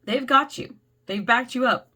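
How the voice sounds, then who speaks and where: A woman's voice: a little high, measured pace, sharp tone, husky. A woman reader giving a casual spoken tarot reading, chatty and encouraging with a rambling flow. She is losing her voice.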